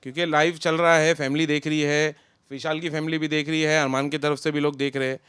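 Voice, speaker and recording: Speaking as an interview guest who is friends with a contestant, this young man sounds relaxed and lets one thought spill into the next. The voice is smooth, slightly high and a little fast, recorded close and dry with no echo.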